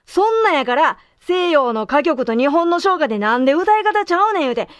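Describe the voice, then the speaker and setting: A woman with a Kansai accent talks in a high, bouncy voice full of quick comic retorts and good-natured grumbling. She sits close to a dry studio mic, co-hosting a casual talk corner. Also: very animated, dry recording. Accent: Kansai Japanese. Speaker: co-host of a comedy talk corner.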